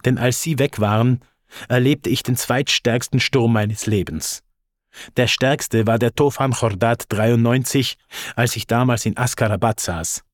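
Brief: man from Iran narrating a memoir audiobook, mid-pitched, dry booth sound, wry asides to the listener. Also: unhurried, no room sound. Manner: talks straight to the listener, wry quiz-show asides.

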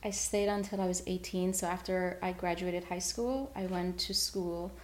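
A woman from Guyana, a real estate agent, talking as a guest in an interview with energetic, quick restarts. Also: lowish voice.

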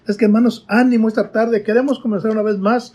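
Earnest male preacher, husky and high-pitched, sermon delivery full of fillers. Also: flat delivery, fast talker, warm tone. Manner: earnest, repeats "hermanos" and fillers.

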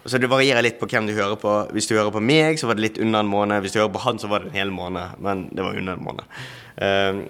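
A man, a talk-show guest, telling his story in an animated way with many fillers and restarts. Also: fairly low pitch, hardly any pauses, clean tone. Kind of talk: testimony in a talk-show interview.

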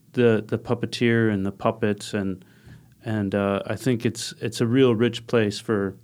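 A man's voice: lowish voice, a little mellow. A man guest answering interview questions in a reflective way, with brief replies that trail off. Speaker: guest, artist and puppet maker.

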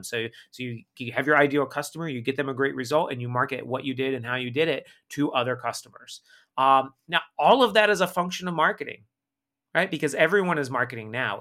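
A man being interviewed on a podcast, talking emphatically and often ending points with "right?". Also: a little high. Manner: energetic, emphatic, frequent "right?" tag questions. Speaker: guest marketing expert.

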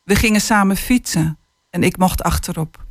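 Measured woman author on radio. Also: fairly low pitch, no echo, studio quality. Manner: measured, hesitant with fillers. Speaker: author and guest. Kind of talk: radio interview, reading from her book. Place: radio studio. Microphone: studio microphone.

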